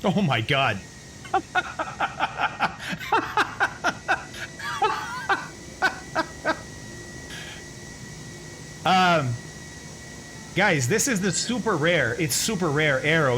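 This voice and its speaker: A man's voice: a little high, lively intonation, measured pace, pushed and bright, slight background noise. A man streaming a flight simulator, chatting casually with viewers, thinking aloud and laughing often. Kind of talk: casual live-stream chat.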